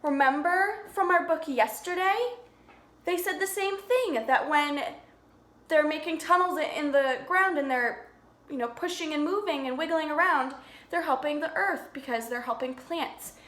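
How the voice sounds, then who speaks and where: At a moderate pace, a woman with a high, fairly bright voice reads a picture book aloud to young children the way a preschool teacher might. She keeps her explanations simple and asks them questions; the room sounds echoey.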